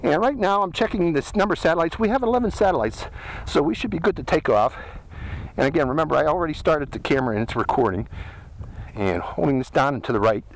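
Recorded on a hat camera in a windy desert canyon, the audio is poor and noisy, typical of an outdoor action cam. The speaker, a middle-aged drone reviewer and channel host with a Pittsburgh accent, talks fast in a slightly high voice with lively intonation. He delivers a chatty, hands-on, step-by-step product review.

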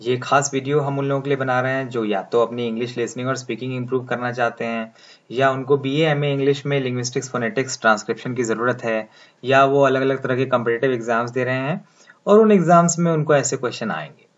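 A man walks through a pronunciation lesson patiently and step by step, prompting the listener to repeat each word. His voice sits at an ordinary middle pitch. The recording sounds a little dull and lo-fi. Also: fairly even intonation, fast. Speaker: English pronunciation teacher. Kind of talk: phonetics lesson with transcription drills.

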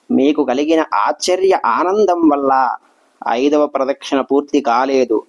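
A man's voice: mid-range voice, darkish tone, dull audio, natural voice. A man voicing a revered elderly male sage who speaks with kindly authority. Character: revered old male sage, gentle yet commanding.

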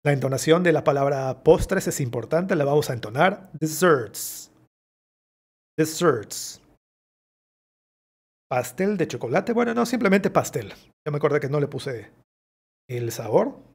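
A man with a Mexican Spanish accent, an English teacher giving a vocabulary lesson and repeating each English word slowly to model its pronunciation. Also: a little high, expressive, a little mellow, husky.

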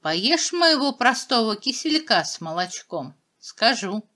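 Woman as slow, coaxing enchanted storybook helper. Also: a little high, sing-song, bright, forceful tone, full character voice. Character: talking stove, apple tree or river, bargaining fairy-tale helper.

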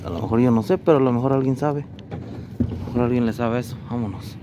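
A man's voice: medium pitch, steady tone, fast talker, dull audio. A man, casually narrating to his viewers as he picks through curbside trash outdoors on a body-worn camera. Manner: chatty, keeps addressing viewers as "mi gente". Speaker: vlogger. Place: outdoors on a residential street. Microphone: chest-mounted action camera. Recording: loud outdoor street noise.

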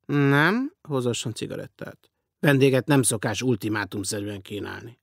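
A man voicing a dry, sarcastic, demanding gray-haired man in an audiobook, with a gravelly voice. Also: mid-range voice, no echo. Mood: sardonic. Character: sardonic gray-haired man claiming to be dead. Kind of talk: audiobook character voice.

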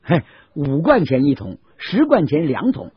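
A man's voice: a little high, wildly swooping pitch, a little slow, breathy edge, no room sound, exaggerated voice. A man voicing a crafty, quarrelsome male wine peddler who sneers and haggles, on a dull, dry lo-fi recording. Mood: haggling.

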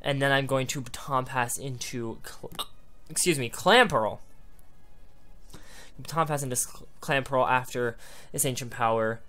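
Smooth-voiced man hiccuping through game commentary. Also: medium pitch, a little slow, long pauses, sharp tone. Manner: thinks aloud, rambling. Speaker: gaming YouTuber. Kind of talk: live battle commentary.

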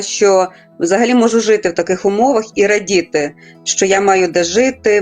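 A woman speaking at an ordinary pitch, measured and lecturing, giving a radio interview. Faint music sits softly behind her voice. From Volyn, Ukraine. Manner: measured, lecturing, quotes dialect words carefully. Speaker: guest linguist.

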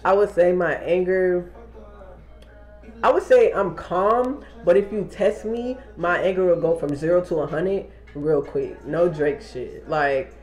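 Faint music sits behind a young man whose high-pitched voice has a darkish tone and a measured pace. As a vlogger, he gives a casual update to a camera held at arm's length in a small wood-paneled room, using loose slang and swearing freely.

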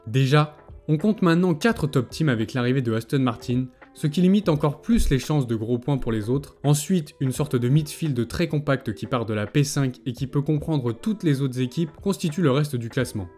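Male YouTube narrator, mellow tone, measured explanatory read over faint music. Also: medium pitch, animated. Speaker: YouTube F1 commentator.

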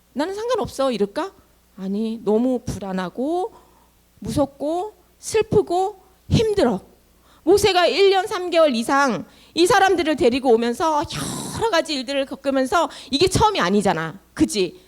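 A woman giving a Sunday sermon to children, telling the story in a lively way, acting out the people's voices and asking the children questions. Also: high-pitched. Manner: animated, acts out voices, asks the children questions. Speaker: children's ministry teacher.

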